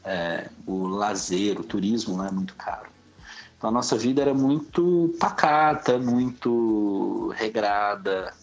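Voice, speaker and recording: A middle-aged man from Brazil, appearing as a podcast guest, talks through his past experiences in Brazilian Portuguese, a little slowly and expressively. His voice is on the low side, with soft music behind it and a slightly dull, lo-fi quality.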